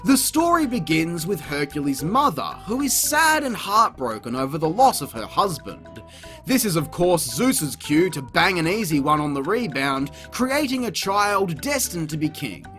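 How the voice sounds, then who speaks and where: A male host reviews videos in scripted comedic commentary, swearing and sounding sarcastic and exasperated. He speaks at normal speed in a fairly high, very animated voice with a bright, forceful tone, over background music.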